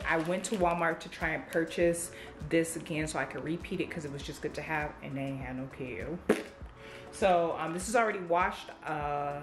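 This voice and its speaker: A woman's voice: low-pitched, roomy sound. A woman in her thirties chatting casually to viewers as she cooks in her home kitchen, recorded close on a camera mic. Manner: chatty and informal, talks straight to viewers. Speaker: cooking vlogger. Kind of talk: casual cook-with-me chat. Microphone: camera mic close up, handheld or on counter.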